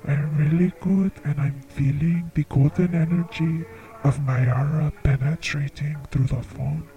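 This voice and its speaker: A man hosting a comedic call-in show as a psychic, speaking in a slow, soft-spoken, earnest way. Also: a little high, fairly even intonation, highs cut off, soft background music. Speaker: psychic radio show host.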